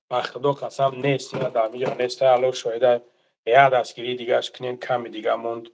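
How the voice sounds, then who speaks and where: A man with a Tajik accent hosting a live stream, pleading with viewers for donations and reading out numbers slowly. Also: medium pitch, vocal fry.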